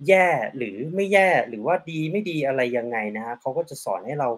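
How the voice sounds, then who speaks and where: A man of ordinary pitch hosts an interview and switches between two languages. He puts questions to his guest, then politely summarizes her answers in his own words for the audience, with many courteous particles between phrases. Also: animated, brisk. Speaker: interviewer and translator. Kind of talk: bilingual interview with translation.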